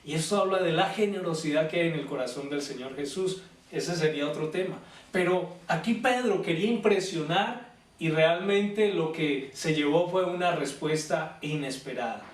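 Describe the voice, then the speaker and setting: A man's voice: a little high, moderate pace. A man preaching a youth service sermon, telling stories and asking the listeners questions. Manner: storytelling, acting out biblical quotes, asks the listeners questions. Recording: echoey room, voice from a distant mic.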